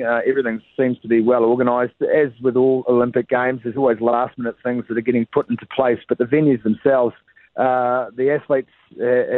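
Reporting by telephone on a live cross to a radio show, a man with a medium-pitched voice chats casually, filling gaps with lots of "uh." The phone line sounds tinny, and the recording is dry.

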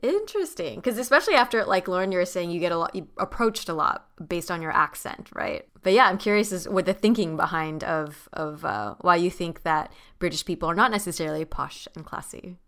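A woman's voice: on the low side, a little fast, hardly any pauses, fairly bright tone, clean tone. A young woman hosting a podcast, leading the chat with encouraging questions. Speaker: podcast host. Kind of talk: casual chat.

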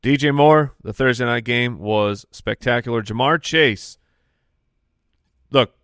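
A man's voice: medium pitch, a little slow, a bit bright, clean tone, no echo, clean studio sound. A man co-hosting a fantasy football podcast in casual banter, reeling off player stats. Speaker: podcast co-host. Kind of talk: casual sports chat.

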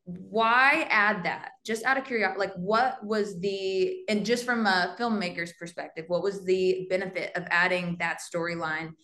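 A woman's voice: mid-range voice, fairly even intonation, normal speed, few pauses, pushed and bright. A woman co-host asking rambling, chatty questions with lots of "like"s. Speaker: podcast co-host. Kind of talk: casual interview chat.

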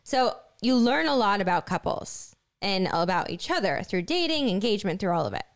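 A woman's voice: mid-range voice, sing-song, fairly quick. A woman asks a couple questions in an upbeat, chatty way. She giggles often and keeps the talk light and casual. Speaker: interviewer asking couples questions. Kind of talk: casual chat.

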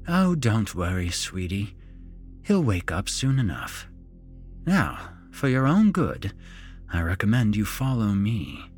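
A man voicing a sinister middle-aged father turned fanatic, who speaks calmly and smugly while preaching with menace. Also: fairly low pitch, slow, soft background music. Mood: menacing. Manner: calm, smug, menacing preaching.

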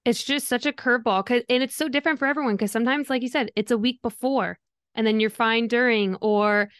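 Bubbly podcast host woman, smooth voice. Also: on the high side, fairly even intonation, a little fast, no room sound, studio quality. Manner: chatty and upbeat, laughs often. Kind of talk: casual chat.

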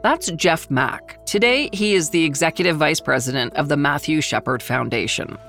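A woman hosting a history podcast, reading scripted documentary narration in a measured storytelling manner. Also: low voice, lively intonation, fairly bright tone, faint music behind.

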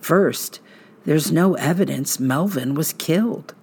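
A woman hosting a podcast, narrating a true-crime script in a suspenseful, measured storytelling manner with dramatic pauses. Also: sits low, warm tone, slightly rough.

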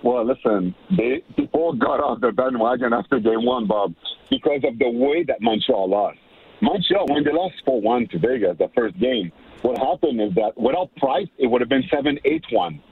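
A man calling in as a guest on sports talk radio, excitable, often repeating himself and starting over. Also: mid-range voice, moderate pace, breathy edge, no room sound. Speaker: radio show guest analyst. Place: in Montreal. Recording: tinny phone line.

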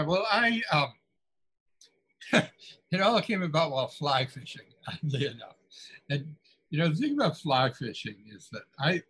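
An older man, an author guest in an interview, telling stories in a reflective, musing way with frequent soft chuckles and trailing fillers. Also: mid-range voice, husky, low-quality recording.

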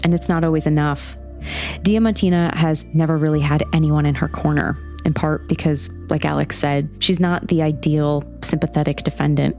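A woman hosting a podcast, reading scripted true-crime narration in a measured, explanatory way. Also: deep voice, steady tone, warm tone, faint music behind.

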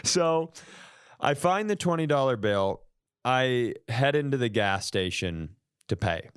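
A male podcast host tells a comedic, casual story, sounding exasperated and swearing freely as he animatedly acts out the dialogue. His medium-pitched voice is smooth and slow. The clean studio recording has no room sound.

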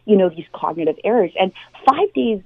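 Phoning in to a radio interview as an expert, a Canadian woman explains topics in an earnest, conversational way, drawing on everyday examples. Her mid-range voice is animated and a little fast, with a breathy edge, heard without echo through a thin telephone line.

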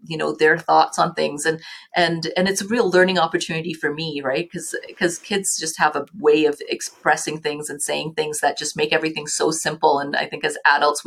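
Woman, middle-aged, low-pitched voice, earnest, casual interview guest, halting restarts. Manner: earnest, many restarts and fillers. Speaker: guest, nonprofit chief executive.

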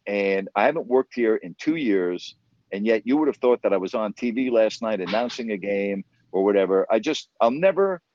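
A New York sports broadcaster in his fifties tells stories as a guest in a conversational interview. He's earnest and emphatic, repeating words to stress his points. His voice is lowish and darkish, with no room sound in the dull, dry recording.

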